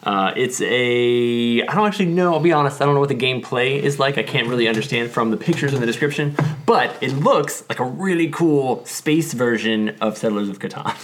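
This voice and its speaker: A man co-hosting a board game podcast, talking candidly and casually with throat clearing. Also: mid-range voice, a little fast, few pauses, a little hiss or hum. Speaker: podcast co-host.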